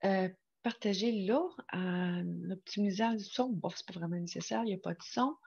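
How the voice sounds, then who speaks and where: A woman with a Quebec French accent talking casually to her viewers about spirituality, excited and rambling with many restarts. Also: medium pitch, moderate pace, husky, dull audio. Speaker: spiritual vlogger.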